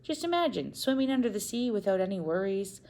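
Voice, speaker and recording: A woman voicing a soft-spoken, weary mother in a storybook reading. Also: medium pitch, sing-song, fairly quick, pitched above the performer's own voice. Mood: dreamy. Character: tired, dreamy mother.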